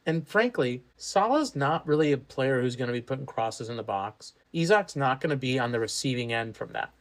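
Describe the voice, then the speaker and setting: A man's voice: medium pitch, animated. A man chatting casually on a sports podcast, arguing his opinions firmly. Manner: opinionated, argumentative, quick to take positions. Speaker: podcast co-host.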